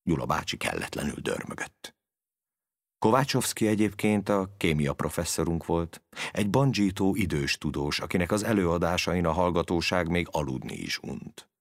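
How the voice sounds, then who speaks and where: A man with a very low, gravelly voice reads a literary passage in an unhurried storytelling manner, as a podcast host. The sound is dry and close, with no room behind him. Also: expressive, dry recording. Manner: measured, storytelling delivery. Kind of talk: reading literary prose aloud.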